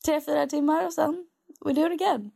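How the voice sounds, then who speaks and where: A young Swedish woman tells everyday stories in relaxed chat, her voice gravelly with fry. She keeps dropping English phrases into her Swedish with lively energy. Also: high voice. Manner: mixes English phrases into Swedish, animated storytelling. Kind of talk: casual chat.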